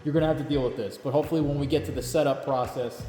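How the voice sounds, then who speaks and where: A man's voice: mid-range voice, very fast. A man casually walking viewers through an unboxing, recorded on a camera mic in a big echoey garage. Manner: relaxed, chatty, explanatory. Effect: big echoey room sound from a garage. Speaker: product reviewer. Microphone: camera mic, lapel mic dead. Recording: echoey garage with music behind.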